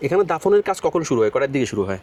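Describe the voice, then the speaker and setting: A man vlogger conducting a casual street interview outdoors, firing brisk probing questions and calling his interviewee uncle. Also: mid-range voice, sing-song, a little mellow. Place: outdoors in a city cemetery.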